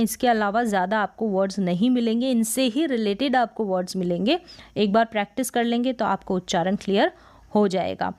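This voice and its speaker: A woman's voice: medium pitch, a little mellow. A woman teaching English pronunciation, repeating each word and asking then answering her own questions. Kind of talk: explaining a word list in a lesson.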